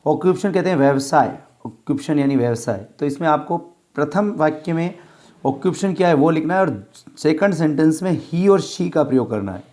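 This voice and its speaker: A man from India teaching an English workbook lesson, reading sentences slowly and explaining them in Hindi. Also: a little high, lively intonation, a little mellow.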